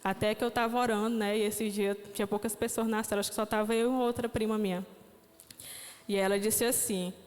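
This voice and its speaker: A woman's voice: medium pitch, fairly even intonation, fast, a little mellow. A young woman giving a reflective testimony sermon at a youth church service, with frequent questioning tags. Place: church hall. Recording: long church hall reverb.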